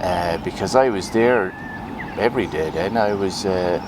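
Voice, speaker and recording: A man's voice: low voice, a little slow, noisy background. A middle-aged Irish man, a retired butcher, telling his story in an interview, hesitant and reflective with many fillers. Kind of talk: personal testimony interview.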